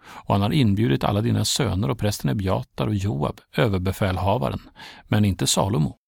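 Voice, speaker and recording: Man voicing a pleading queen mother, soft and gravelly. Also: on the low side, dry recording, studio quality, exaggerated voice.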